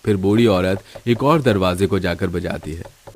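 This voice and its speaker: A man's voice: low voice, moderate pace. A man in scripted narration of a cartoon story, telling it evenly.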